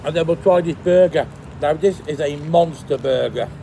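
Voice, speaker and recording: Casual male food reviewer, talks while chewing, creaky and mellow delivery, faint ambient noise behind. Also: fairly high pitch, moderate pace. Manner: chewing and eating while talking.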